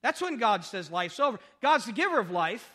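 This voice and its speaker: A man's voice: high-pitched, very animated, moderate pace, sharp tone, big-room sound. A male pastor preaching a sermon emphatically, firing off rhetorical questions and repeating his points.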